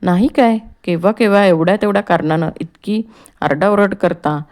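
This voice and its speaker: A woman reading the part of an anxious wife who scolds her husband for shouting. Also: lowish voice, moderate pace, natural voice. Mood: chiding. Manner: chiding. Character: worried middle-aged wife, anxious, chiding.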